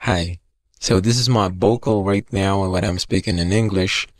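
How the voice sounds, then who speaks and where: A Filipino call center agent talking through a deep pitch-shifting voice changer plugin, chatting casually. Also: male voice, unhurried, dry recording. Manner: relaxed, chatty, mixing English and Tagalog. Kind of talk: casual vlog demonstration.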